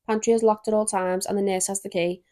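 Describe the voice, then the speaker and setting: Young woman reading spooky stories on her podcast, chatty and giggly, middle pitch, dry close mic. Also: little pitch movement, warm tone, dry recording. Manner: chatty, giggly, reads with quick asides. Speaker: podcast host. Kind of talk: casual chat and reading stories aloud.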